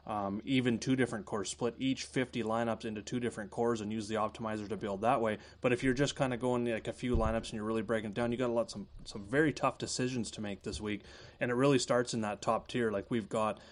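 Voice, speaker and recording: A man's voice: on the low side, fast. A man with a Canadian accent giving casual golf betting analysis, talking loosely with many fillers. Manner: relaxed, filler-heavy, thinks aloud. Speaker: fantasy golf analyst guest.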